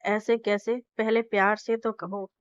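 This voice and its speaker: A woman's voice: mid-range voice, level tone, unhurried, smooth, lightly acted. A woman voicing a cocky, teasing young husband who talks smugly, in a storybook reading. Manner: smug, teasing. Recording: dull lo-fi dry recording.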